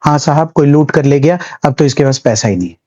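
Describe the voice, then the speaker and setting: A man's voice: on the high side, lively intonation, fast talker, dark tone, dull audio. A man, as part of a history lecture, voicing a poor villager pleading with a landlord in a humble tone.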